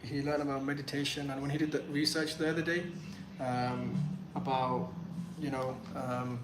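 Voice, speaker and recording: A young man, Pashto being his first language, answers chat questions during a casual live phone Q&A in Medellín, Colombia, rambling loosely and peppering his speech with "like" and restarts. He has a mid-range voice, a flat delivery and a moderate pace; the room is echoey, with clear background noise.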